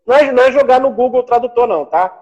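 Very high-voiced man, explaining with irony. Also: rapid-fire, darkish tone, muffled recording. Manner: explanatory, mildly ironic, says "querido". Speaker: podcast co-host, theology teacher. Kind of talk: casual theological discussion.

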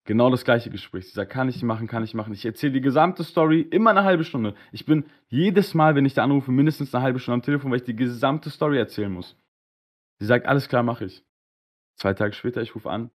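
A man hosting a casual podcast, telling a long anecdote in a slangy, animated way and acting out both sides of the conversations. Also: mid-range voice, a little fast. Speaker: podcast host. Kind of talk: casual storytelling on a live-streamed podcast.

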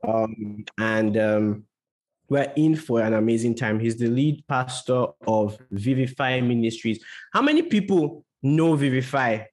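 Man, medium pitch, church host, informal conversational introduction. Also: animated, unhurried, poor audio. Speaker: host introducing a guest speaker.

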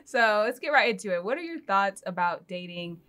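A young adult woman hosting a casual interview podcast, chatty and relaxed with frequent filler words. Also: medium pitch, fairly quick. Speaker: podcast host.

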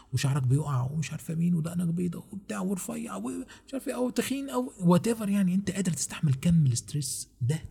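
Fast-talking Egyptian man, husky. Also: medium pitch, dark tone. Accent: Egyptian Arabic. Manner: fast, joking, rhetorical questions. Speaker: podcast host. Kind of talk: casual advice monologue.

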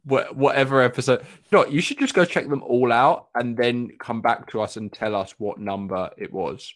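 A man's voice: mid-range voice, moderate pace, a bit bright. A man co-hosting a casual fan podcast, talking in a wry, easygoing and teasing way. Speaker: podcast co-host.

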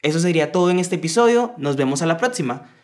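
A man teaching phrases on a podcast, saying each one slowly and clearly and acting out its feeling. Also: a little high. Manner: expressive, acts out each phrase. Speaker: language teacher. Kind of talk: slow, clear vocabulary drill.

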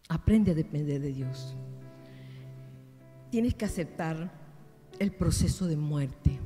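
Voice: mid-range voice, mellow, big-room sound. A preacher delivering a sermon, speaking directly and emphatically to the congregation as brothers and sisters.

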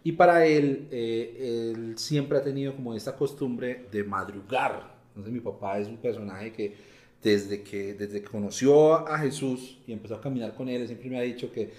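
A man's voice: mid-range voice, moderate pace, darkish tone, echoey room. A man with a Colombian accent talking casually and informally with friends. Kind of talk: casual conversation among friends.

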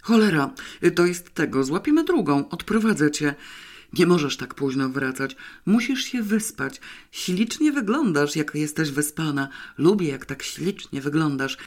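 A man's voice: lively intonation, a little slow. A man reading an audiobook, voicing a male press photographer who sweet-talks in a raised, tender voice. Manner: tender, wheedling, raised pitch. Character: smooth-talking male press photographer, coaxing.

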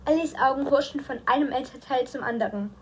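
A woman reading a novel aloud with steady narration and occasional slips. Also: high-pitched, fairly quick, noisy background. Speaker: audiobook reader.

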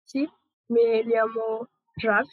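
A woman's voice: a little high, flat delivery, drawn-out words, slightly rough. Young Brazilian woman hosting a call. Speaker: host. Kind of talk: casual video-call panel. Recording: dry, dull lo-fi call audio.

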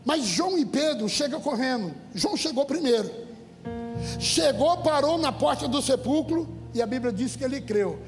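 A Brazilian man preaching as a pastor, emphatic and often rising to shouts while speaking directly to his congregation. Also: extremely high pitch, animated, normal speed. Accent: Brazilian Portuguese. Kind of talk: sermon. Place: church. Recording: echoey hall with faint music.

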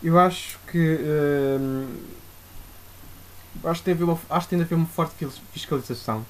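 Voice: medium pitch, fairly quick. A young adult with a European Portuguese accent co-hosting a podcast, giving opinions casually and insistently, rephrasing points as they go. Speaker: podcast co-host.

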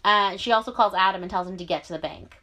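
A young woman narrates a true crime case in loose, chatty podcast talk. She breaks off for sarcastic asides and fills gaps with ums and uhs. Her voice sits at an ordinary middle pitch. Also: fast, sharp tone. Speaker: podcast host telling a true crime story. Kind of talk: casual storytelling chat.

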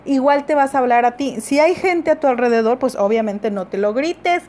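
High-voiced woman coaching her listener. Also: moderate pace. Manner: warm coaching tone, addresses listener directly. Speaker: podcast host. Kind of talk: self-help podcast talk.

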